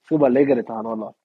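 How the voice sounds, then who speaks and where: A man's voice: medium pitch, breathy edge, phone-quality sound. A young man from Sweden with a Swedish street-slang accent, telling a story in casual chat and acting out the people in it. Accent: Swedish suburban street slang. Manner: animated, slangy, mimics people in English. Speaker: guest storyteller.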